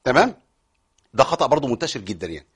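A man's voice: medium pitch, sing-song, racing, fairly bright tone, slightly rough. A man with an Egyptian accent teaching a tajweed lesson, explaining rules, asking rhetorical questions and answering them himself. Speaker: Quran recitation teacher. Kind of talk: tajweed lesson with recited examples.

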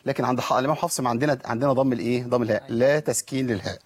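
A man's voice: medium pitch, steady tone, rapid-fire. A man with an Egyptian accent teaching Quran recitation in a televised lesson, patiently modeling and correcting pronunciation. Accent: Egyptian Arabic.

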